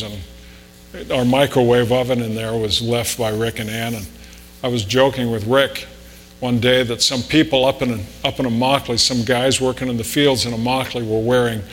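Male pastor, bright, forceful delivery, sermon in a reverberant church with a faint hum. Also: mid-range voice. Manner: conversational preaching with anecdotes, rising emphasis on key points. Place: church sanctuary. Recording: reverberant hall with mains hum.

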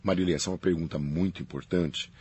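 A fast-talking priest with a deep, husky male voice, recorded with no echo, explains at length as an interview guest. He is from Paraná, Brazil, represents a faculty, and stays calm and explanatory, repeating key phrases.

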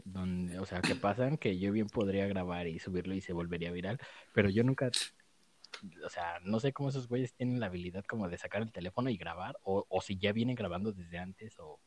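A man's voice: sits low, a little fast, a little mellow. A man with a Mexico City accent, co-hosting a comedic podcast in laid-back, slang-heavy banter full of fillers. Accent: Mexico City Spanish. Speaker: podcast co-host. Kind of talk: casual comedic chat. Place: remote, away from co-host.

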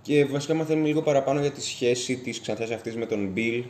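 A man's voice: mid-range voice, a little mellow. Rambling man in casual film chat. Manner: rambling, self-correcting, slangy.

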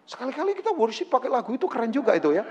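A man preaching a sermon to his congregation, animated and joking, acting out quotes. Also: extremely high pitch, racing, long reverb tail, lo-fi sound, a little hiss or hum. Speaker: pastor. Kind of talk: lively sermon.

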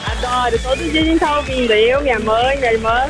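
A woman speaks to a radio host over a phone line. Her voice sits high, and she keeps her answers short and simple. A faint music bed plays behind her. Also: a little fast. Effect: heard over a phone line. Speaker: radio show caller.

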